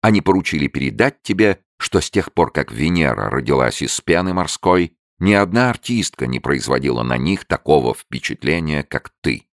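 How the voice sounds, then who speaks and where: A man reading an audiobook and voicing a brash young man who shows off his courage, bold and chivalrous, sharp when challenged. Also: extremely low pitch, sing-song, moderate pace, hardly any pauses, no echo, studio quality, heavily acted. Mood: gallant.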